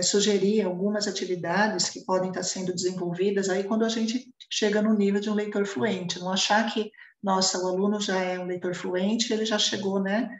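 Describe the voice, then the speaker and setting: Brazilian woman giving a training talk in an echoey room. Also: mid-range voice. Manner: many fillers and restarts, repeated "né?". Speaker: education trainer. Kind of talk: explanatory presentation.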